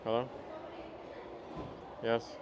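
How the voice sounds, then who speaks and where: A man's voice: drawn-out words, lo-fi sound, noisy background. A man casually narrating as he browses stalls at an outdoor flea market, chatting about vintage finds. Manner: relaxed, chatty running commentary while browsing. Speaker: vlogger.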